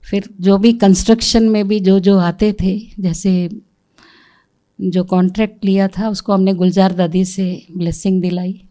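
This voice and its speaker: A woman's voice: medium pitch, a little slow. A middle-aged woman, a spiritual center administrator, telling a storytelling talk and quoting people in dialogue. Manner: animated, quotes people in dialogue.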